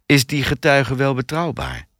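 A man's voice: medium pitch, big pitch swings, normal speed, fairly bright tone, dry recording, studio quality, pitched above the performer's own voice. A man voicing a frustrated, impatient male police detective who grumbles restlessly.

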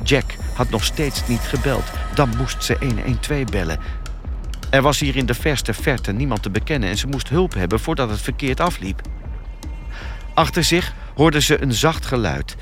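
A man narrating an audiobook thriller in a steady, expressive storytelling manner. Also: medium pitch, normal speed, music in the background.

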